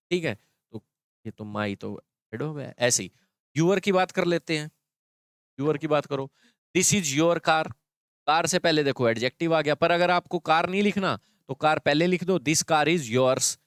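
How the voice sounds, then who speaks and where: Guy teaching english grammar, smooth fairly high voice, dry close sound, keeps asking the class questions. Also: no echo. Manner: explains patiently, asks students questions.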